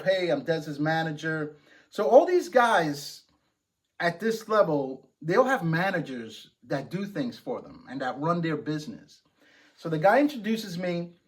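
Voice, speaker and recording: Storytelling man with a higher voice. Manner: conversational, animated retelling with quoted dialogue. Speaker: host. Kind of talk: casual storytelling.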